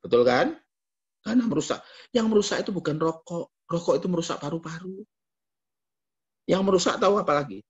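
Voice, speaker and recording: A man with a Javanese accent preaching a lively sermon as pastor, jumping into mock voices and quoted asides. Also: a little high, brisk, long pauses, breathy edge, highs cut off.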